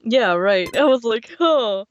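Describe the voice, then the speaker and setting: A woman's voice: on the high side, lively intonation, slow. A woman giving casual, reactive co-commentary on a game, heard through a dull lo-fi voice channel. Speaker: guest co-commentator on a let's play. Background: faint music.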